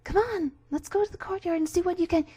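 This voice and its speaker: A woman's voice: very high-pitched, fast, dark tone, voice pushed up. A woman voicing a flustered, besotted male masked warrior in a melodramatic, hammy stage-actor manner for a dramatic story reading. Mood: awed.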